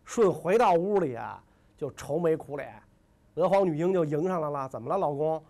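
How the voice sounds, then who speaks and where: Man, comic history storyteller, high and very animated delivery. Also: normal speed. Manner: joking, conversational, full of asides.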